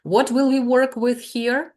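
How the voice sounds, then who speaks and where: A woman's voice: on the high side, flat delivery, measured pace, a little mellow. A woman with a Ukrainian accent running a teacher-training lesson, patiently repeating words to model their pronunciation.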